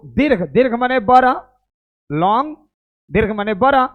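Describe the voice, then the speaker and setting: A man teaching a grammar lesson, repeating each point and drilling students aloud. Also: sits high. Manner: uses cricket analogies. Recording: tinny phone-like recording.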